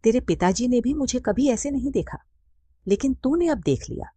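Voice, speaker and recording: A woman's voice: fairly high pitch, animated, normal speed, warm tone, breathy edge, no echo, pitched above the performer's own voice. A woman voicing a doting middle-aged mother, raised lilting voice. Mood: tender. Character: affectionate middle-aged mother, teasing and indulgent. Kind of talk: scripted story narration.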